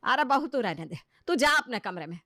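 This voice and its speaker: A woman's voice: fairly high pitch, big pitch swings, a little fast, sharp tone, no echo, clean studio sound, voice pushed up. A woman voicing a firm, commanding mother-in-law who runs the household. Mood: stern. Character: stern middle-aged mother-in-law, household head.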